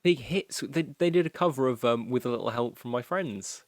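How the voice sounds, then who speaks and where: A man's voice: medium pitch, animated, fairly quick. A man co-hosting a casual music chat, mostly agreeing with brief remarks. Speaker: podcast co-host.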